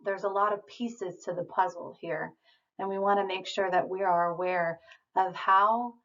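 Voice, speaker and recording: A woman trainer giving a calm, reassuring lecture over slides. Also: on the low side. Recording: distant, dull lo-fi voice.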